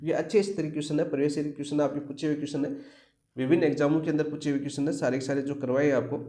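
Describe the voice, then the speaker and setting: A man's voice: on the high side, steady tone, very fast, mellow, reverberant. A man teaching an exam-prep lecture who keeps asking the class questions and answering them himself.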